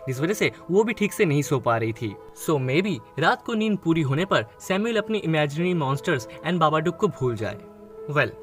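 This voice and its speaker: A man tells a film's story as a scripted recap, his voice sitting a little above the usual male range. He moves steadily from scene to scene and slips English phrases into his sentences. Soft music plays faintly underneath. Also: fairly high pitch. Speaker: movie recap narrator. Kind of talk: scripted movie recap narration.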